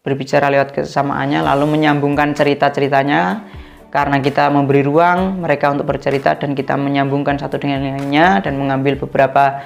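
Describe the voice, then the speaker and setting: A woman giving an instructional talk on youth coaching, acting out sample conversations with a lifted, lively voice. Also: fairly quick, gravelly, faint music behind. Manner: acts out sample dialogues with rising lively pitch. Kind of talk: instructional talk with role-play examples.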